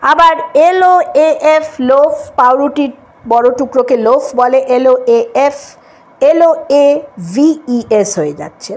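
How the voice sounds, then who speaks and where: A woman's voice: high-pitched, lively intonation, unhurried. A woman teaching an English lesson, spelling words out letter by letter and often checking that students follow. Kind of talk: Bengali-language English lesson.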